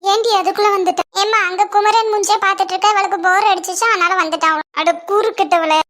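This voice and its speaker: A woman's voice: extremely high pitch, steady tone, fast talker, fairly bright tone. A woman with a Kanyakumari Tamil accent voicing young women and a fussing mother in a family cartoon, with a scolding, teasing manner.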